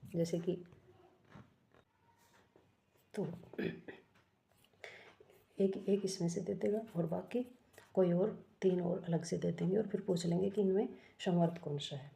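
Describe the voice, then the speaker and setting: A woman's voice: fairly low pitch, measured pace, creaky, long pauses, mellow. A woman teaching an exam-prep grammar lesson, explaining step by step, asking questions and answering them herself, and correcting herself often.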